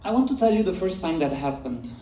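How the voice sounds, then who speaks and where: A man's voice: sits high, very animated, fast talker, warm tone. A man from Italy with an Italian accent, giving a storytelling keynote talk on a festival stage and addressing the audience directly. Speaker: conference speaker. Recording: echoey hall, voice from far off.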